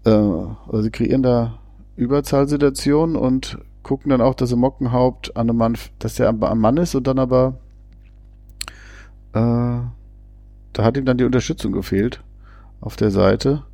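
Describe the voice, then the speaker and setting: A man's voice: medium pitch, fairly even intonation, moderate pace, mellow, no room sound. A man giving casual, chatty football commentary, often hesitating and restarting his sentences. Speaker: fan co-commentator.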